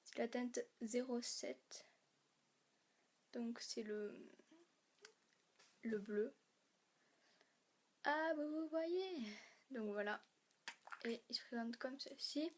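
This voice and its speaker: A young woman from France, chatting through a beauty haul vlog, halting with fillers and restarts, a little hoarse and clearing her throat as she loses her voice. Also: on the high side, slight background noise. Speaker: beauty vlogger.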